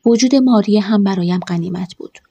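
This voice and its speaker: A woman narrating a first-person story in a calm, measured way. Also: medium pitch, gravelly, husky, dry recording. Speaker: audiobook narrator.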